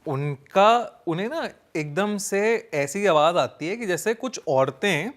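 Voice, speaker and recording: A man casually telling a ghost story, pausing with fillers as he builds suspense. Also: high-pitched, animated. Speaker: storyteller guest.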